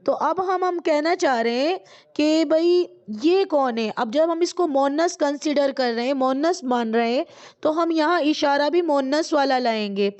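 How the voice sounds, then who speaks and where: A woman teaching a lesson. She is patient, asks questions and answers them herself, and says key words slowly twice. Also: high voice, a little mellow. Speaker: Arabic teacher. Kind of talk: recorded classroom lesson. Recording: dull lo-fi recording.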